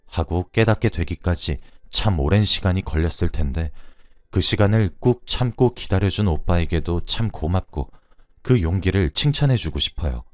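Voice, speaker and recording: Brief: deep male narrator, expressive first-person true-story reading, soft music behind. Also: no room sound, clean studio sound.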